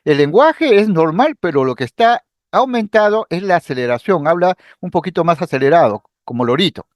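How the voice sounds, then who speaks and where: A man giving a psychiatry lecture, explaining patiently, with lively intonation and an occasional filler or restart. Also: sits high, no echo, studio quality. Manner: explanatory, acts out patient speech examples. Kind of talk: recorded medical lecture.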